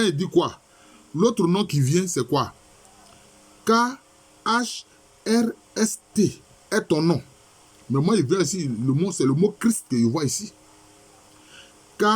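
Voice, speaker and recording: A man's voice: fairly high pitch, a little mellow, breathy edge. A man, a professor, reading passages aloud and explaining them in a lecture, often asking and answering his own questions. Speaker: professor lecturing on Egyptian texts. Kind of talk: lecture with text commentary.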